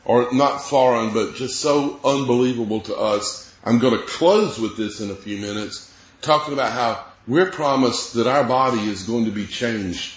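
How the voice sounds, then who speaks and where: A man's voice: mid-range voice, normal speed, echoey room, highs cut off. A man preaching a sermon, explaining scripture in an earnest way and reading verses aloud.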